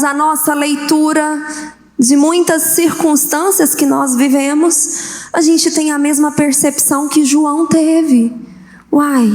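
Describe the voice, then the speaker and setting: A woman bishop with a Brazilian accent preaching an animated sermon in a church, acting out the voices she quotes. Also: high-pitched. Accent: Brazilian Portuguese. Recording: echoey church hall.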